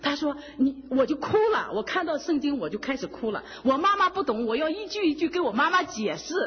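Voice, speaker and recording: A woman giving an emotional personal testimony, with folksy, animated storytelling full of fillers, laughing and tearful at times. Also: high voice, fairly quick. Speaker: church member giving testimony. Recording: dull reverberant hall sound.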